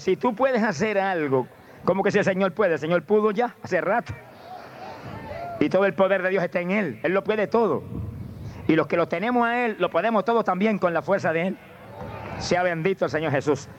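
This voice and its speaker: Fervent high-voiced preacher, lo-fi tape. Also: male voice. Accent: Puerto Rican Spanish. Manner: fervent, swings from low asides to high exclamations of praise. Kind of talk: sermon. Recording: dull lo-fi tape with faint noise.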